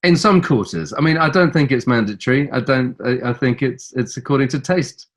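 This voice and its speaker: A man's voice: medium pitch, fairly quick. A middle-aged man co-hosting a quiz, reading answer options with teasing relish. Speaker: quiz co-host.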